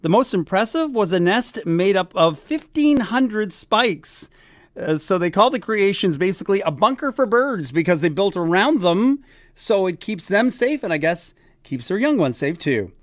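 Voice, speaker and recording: A male morning radio host with a high, very lively voice that swings up and down as he reads quirky news items and adds wry remarks. The sound is dry and close, straight off a studio mic. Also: moderate pace, dry recording. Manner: chatty, wry asides. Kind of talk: reading news stories on air.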